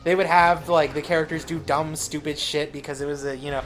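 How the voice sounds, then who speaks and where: A man's voice: on the high side, steady tone, a little fast, fairly bright tone, slight background noise. A man co-hosting a casual gaming podcast, talking in a dry, teasing way. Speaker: co-host.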